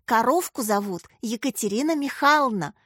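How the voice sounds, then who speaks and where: A woman's voice: a little high, expressive, normal speed, a bit bright, breathy edge, dry recording, studio quality. A woman voicing a cheerful, sly little schoolgirl in a storybook reading. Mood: excited.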